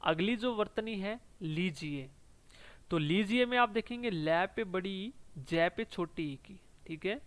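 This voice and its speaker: A man teaching a spelling lesson for exam prep, saying each word slowly twice and tagging lines with "ठीक है". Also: high-pitched, animated.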